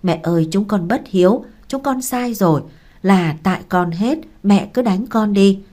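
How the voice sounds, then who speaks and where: A woman's voice: mid-range voice, measured pace, warm tone, natural voice. A woman reading a remorseful eldest son. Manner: earnest, repentant.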